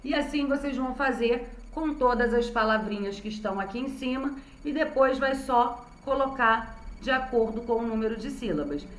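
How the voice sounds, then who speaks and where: A woman's voice: a little high, normal speed, a little hiss or hum. A woman teacher with a Brazilian Portuguese accent, giving a recorded lesson to young children and patiently sounding out words syllable by syllable. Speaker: primary school teacher. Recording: roomy echo.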